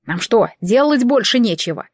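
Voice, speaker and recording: A woman's voice: a little high, expressive, normal speed, husky, no echo, studio quality. A woman doing a brash, cocky young joker. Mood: mock-indignant. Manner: loud, mock-indignant, swaggering.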